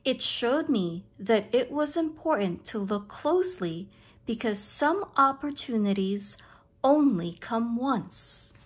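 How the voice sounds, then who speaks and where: A woman reading a picture book aloud to children, with expressive, deliberate, dramatic phrasing. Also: on the high side, slightly rough.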